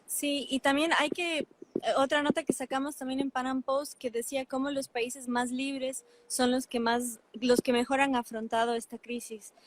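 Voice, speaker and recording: A woman journalist talks in a lively, flowing way, stacking one report on the next. Her voice sits fairly high. She breaks in with quick asides as she goes. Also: a little hiss or hum. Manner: fast-flowing, animated storytelling with asides. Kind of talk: conversational debate.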